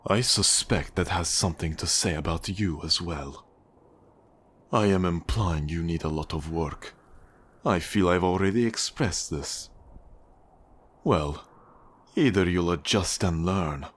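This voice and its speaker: A man performs a cold, manipulative Russian mafia boss for an ASMR roleplay, heavily acted, with a Russian accent and a husky low voice. His measured, condescending delivery is menacing, and the mood turns stern and impatient.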